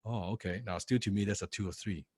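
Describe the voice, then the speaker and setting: A man teaching a sales training class, lively and full of rhetorical questions, acting out what prospects say. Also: fairly low pitch, fast talker, a little hiss or hum. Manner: animated, acts out prospect replies, rhetorical questions. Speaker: sales coach.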